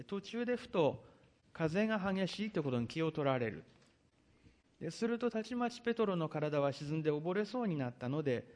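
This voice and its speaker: A male pastor giving a sermon, reading scripture verses aloud and then retelling them in an unhurried, explanatory way, with frequent drawn-out hesitations. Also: fairly high pitch.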